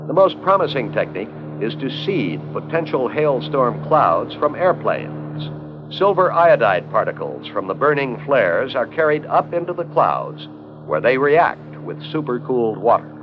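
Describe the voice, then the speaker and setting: Here the documentary narrator is an American man with a mid-range, sing-song delivery and measured pace, reading a script for an educational film. Background music accompanies the dull-sounding 1970s 16mm film soundtrack.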